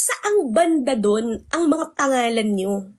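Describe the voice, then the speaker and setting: A high-pitched woman vents on a livestream in a husky, breathy voice. She is indignant and heated, and openly very emotional as she flips between Tagalog and English. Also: expressive, takes it slowly. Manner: self-described very emotional.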